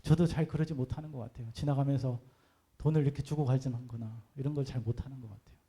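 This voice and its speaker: Male pastor, mid-range voice, warm and mellow; delivers a conversational sermon full of rhetorical questions. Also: mid-range voice, steady tone, quick pace.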